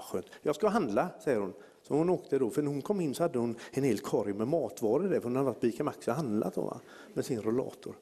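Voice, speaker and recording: A man preaching, telling a long story and putting on the voices of the people in it. His voice is gravelly and husky, with a dark, mellow tone. The sound rings with a long hall reverb. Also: mid-range voice. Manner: lively anecdotal preaching with acted-out quotes. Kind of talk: sermon storytelling.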